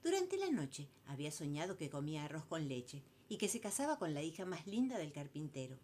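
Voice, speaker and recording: A woman's voice: deep voice, sing-song, a little fast, a little mellow, a little hiss or hum. A woman with a Rioplatense Argentine accent telling a children's story in a playful, sing-song way.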